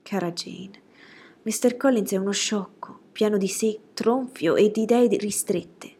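A woman voicing a frank, sharp-witted young woman, speaking low, hushed and breathy with pointed judgements. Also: a little slow. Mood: indignant.

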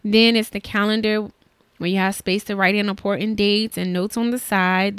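A woman's voice: medium pitch, fairly bright tone, clean tone, no room sound. A woman hosting her own podcast, talking in an earnest, chatty, motivational way about her schedule and her goals. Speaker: podcast host. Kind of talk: solo podcast monologue.

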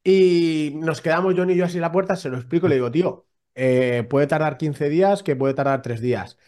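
A man's voice: fairly high pitch, a little fast. A man telling a story in casual podcast chat, acting out the dialogue as he goes. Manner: animated storyteller, acts out dialogue. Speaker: podcast co-host.

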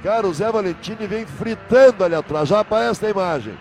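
A man's voice: sits high, fast, faint music behind. A man commentating live on a car race as a motorsport commentator, emphatic and repeating names and phrases. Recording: loud engine and trackside ambience noise.

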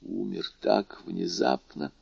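A man's voice: low voice, slow pace, creaky, breathy edge, dry recording, heavily acted. A man voicing a shaken male royal prosecutor who asks tense, startled questions. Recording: dull dry lo-fi recording.

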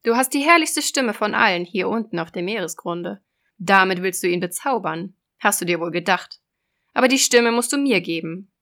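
A woman voicing a cruel, scheming old sea witch in a storybook reading, loud and sneering. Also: mid-range voice, lively intonation, normal speed. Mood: menacing, sneering.

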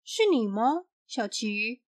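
Woman doing a soft-spoken schoolteacher. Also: on the high side, lively intonation, slow, no room sound, clean studio sound. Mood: questioning. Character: patient female schoolteacher, gently questioning.

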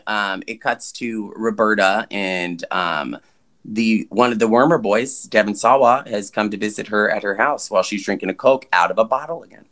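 A man's voice: medium pitch, fairly bright tone. A man co-hosting a casual movie podcast, retelling scenes animatedly and laughing often. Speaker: podcast co-host. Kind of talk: casual chat recapping a movie.

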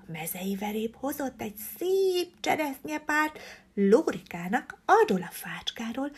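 A woman reading a children's story aloud, expressive and often dropping to a breathy hush. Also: fairly high pitch.

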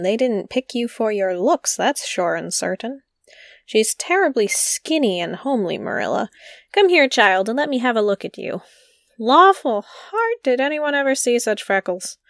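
A woman's voice: medium pitch, very animated, moderate pace, gravelly, dry recording. A blunt, huffy old neighbor woman who judges everyone around her, as a woman acts her out. Her lines land dry and close to the mic in a radio play. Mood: scornful.

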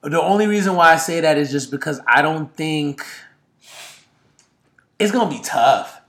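A man co-hosting a casual sports talk podcast, talking with rising excitement. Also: on the high side, normal speed, reverberant. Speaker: podcast co-host.

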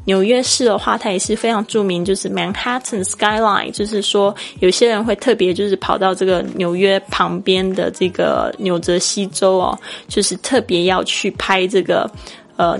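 A woman's voice: on the low side, creaky. A woman from Taiwan with a Taiwanese Mandarin accent, hosting a podcast English lesson in a chatty, explaining way and spelling words out letter by letter. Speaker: English teacher and podcast host.

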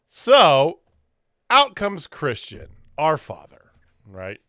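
A male podcast co-host with a voice on the high side talks very slowly in a studio recording with no room sound. Chatting casually, he retells a wrestling segment, acting out the quotes and laughing often.

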